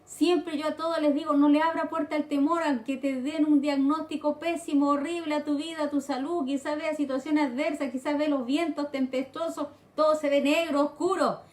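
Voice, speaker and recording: A woman's voice: high voice, steady tone, normal speed, few pauses, darkish tone, reverberant. A woman with a Chilean accent preaching, exhorting her listeners and repeating phrases for emphasis. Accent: Chilean Spanish. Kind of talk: sermon.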